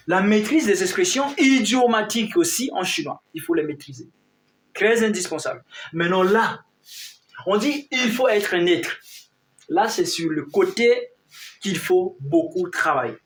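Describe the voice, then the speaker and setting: A male teacher explains his lesson slowly and with deliberate emphasis. His voice sits fairly high, and he repeats key points to drive them home. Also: roomy sound. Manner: repetitive, emphatic teaching delivery. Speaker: Chinese language teacher.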